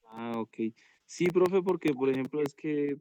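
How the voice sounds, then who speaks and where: A man's voice: a little high, a little slow, darkish tone, slight background noise. Hesitant male student on a call. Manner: hesitant, searching for words. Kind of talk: casual class question.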